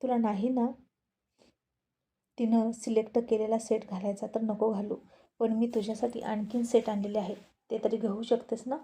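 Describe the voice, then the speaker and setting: A woman's voice: fairly high pitch, flat delivery, moderate pace, pauses often, warm tone, natural voice. A woman voicing a short-tempered young businessman husband in a storybook reading, curt and irritated, mixing in English phrases.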